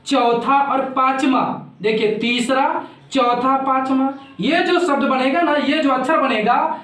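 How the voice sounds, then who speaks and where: A male teacher explains a grammar lesson, repeating each point and asking questions that he then answers himself. His voice is extremely high-pitched and a bit bright. The recording has a roomy echo.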